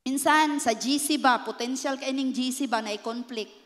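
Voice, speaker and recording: Filipino lady pastor preaching, high voice, lots of call and response, long church echo. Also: moderate pace, a bit bright. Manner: mixes English with Filipino, leads the congregation in call-and-response. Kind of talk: sermon. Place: church sanctuary. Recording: echoey church hall.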